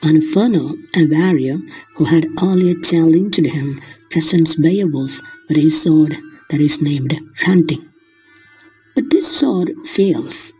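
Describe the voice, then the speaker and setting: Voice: mid-range voice, dark tone, slightly rough, poor audio. A lecturer explaining literature in the manner of a lesson, glossing terms in simple words along the way.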